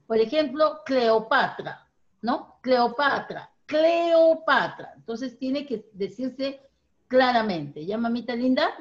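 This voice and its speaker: A woman teacher with a high voice leads a primary reading class over a dull, lo-fi video call. She praises often and slows down to model each word. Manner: encouraging, corrects pronunciation slowly.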